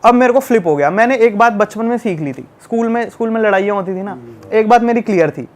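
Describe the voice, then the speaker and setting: Speaking fast, a young Delhi man on a podcast shares a story in relaxed conversation. He has a fairly high voice for a man and an emphatic, lively style, often repeating words to drive a point home.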